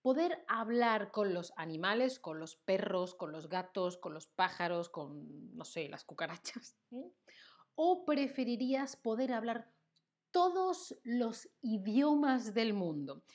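A young Sevillian woman with an Andalusian Spanish accent hosts a playful live-stream Spanish lesson, her mid-range voice very animated. She chats with viewers, laughs often, and reads their chat names aloud, but slows down and hesitates with fillers when listing words.

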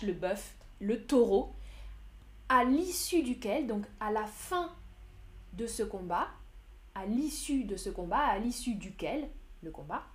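A young woman teaching French on a live stream, speaking slowly and clearly, explaining words with simpler synonyms and answering viewers' chat. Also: medium pitch. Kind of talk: live-streamed language lesson, reading chat.

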